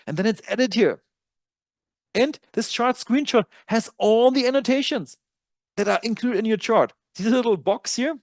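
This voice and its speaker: A man with a German accent and a very high voice presents a trading dashboard during a webinar, speaking at a moderate pace in a dry recording. It's a software tutorial walkthrough, and he goes through the features casually, correcting himself along the way.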